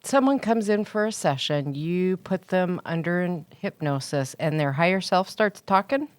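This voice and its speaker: A woman hosting a conversational interview, asking questions in a curious, informal and expressive way. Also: on the low side, normal speed, no room sound. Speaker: interviewer, host.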